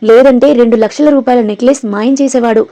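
A woman's voice: on the high side, fairly even intonation, quick pace, mellow, natural voice. A woman voicing a scheming, dramatic woman in a storybook reading. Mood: accusing.

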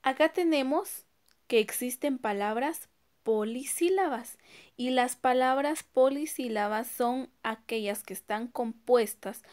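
Woman, teacher, slow and careful, sounds out syllables, higher voice. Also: a little mellow. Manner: slow, clear syllable-by-syllable teaching with questions to students. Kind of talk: recorded online class.

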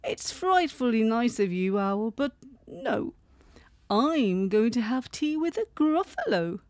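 A woman voicing a small, clever, boastful mouse in a high, emphatic voice. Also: sing-song, slow pace, no echo.

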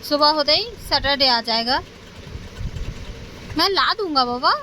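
A young mother talking at home at night in a family vlog, with a soft, soothing, hushed way of speaking. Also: high voice, animated, unhurried, slight background noise. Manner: soothing and hushed while comforting a child. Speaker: mother and vlogger.

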